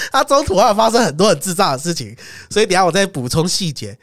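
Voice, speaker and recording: Animated storyteller. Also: mid-range voice, quick pace, dry recording, studio quality. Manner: animated, laughs often, swears casually. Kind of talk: casual storytelling chat.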